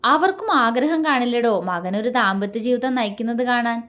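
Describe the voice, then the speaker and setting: A soft-spoken young man who answers quickly and gently, calm and reassuring, as a woman narrator puts him on. He belongs to a storybook romance read aloud, in a fairly high voice. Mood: gentle.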